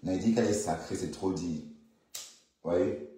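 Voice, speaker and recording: Deep-voiced man ranting in an echoey room. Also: unhurried, mellow. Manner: opinionated, repeats himself, stumbling restarts. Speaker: online commentator. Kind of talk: casual commentary.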